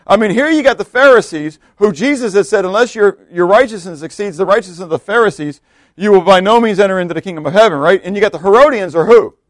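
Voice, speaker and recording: Male preacher, fairly high voice, chatty and conversational, drops to hushed asides, dry recording. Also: fast talker, dry recording. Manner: conversational, keeps checking in with "okay?" and "right?"; often drops to a hushed low voice for emphasis. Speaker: pastor. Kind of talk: expository sermon.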